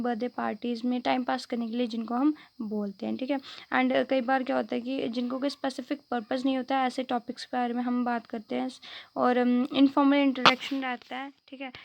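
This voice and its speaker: A woman teaching a grammar lesson, her voice gravelly with fry and pitched a little high, yet kept in a flat, narrow range. She explains in Hindi mixed with English, leaning on fillers and checking in often, then slows down to spell out the English phrases carefully.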